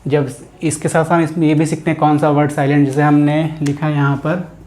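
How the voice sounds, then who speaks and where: A man's voice: fairly high pitch, flat delivery, fairly quick, a little mellow, a little hiss or hum. A man with an Indian accent teaching a grammar lesson, explaining step by step and answering his own questions. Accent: Indian English.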